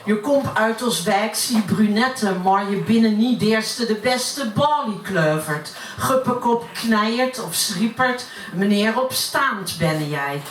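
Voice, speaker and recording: A woman's voice: medium pitch, animated, takes it slowly. A woman reciting dialect poetry as a brash, cheeky working-class woman with a broad Utrecht Dutch accent. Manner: earthy, colloquial, cheeky. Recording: roomy, distant mic, faint noise.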